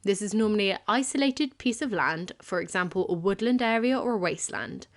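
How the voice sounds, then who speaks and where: A woman's voice: medium pitch, expressive, fairly quick. Tired, giggly Bristolian woman podcaster. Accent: Bristolian English. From Bristol, England. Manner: chatty, giggly, self-deprecating asides. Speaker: podcast co-host. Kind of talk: casual chat, presenting folklore research.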